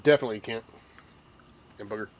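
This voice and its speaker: An older man, taste-testing a hot barbecue sauce on his cooking vlog, teary and sniffling from the heat, with slow, drawn-out hums and sighs. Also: fairly low pitch, a little mellow, a little hiss or hum. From Texas. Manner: slow, drawn-out reactions to spicy food with many hums and sighs. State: teary, nose running from the heat. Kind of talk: casual taste-test reaction.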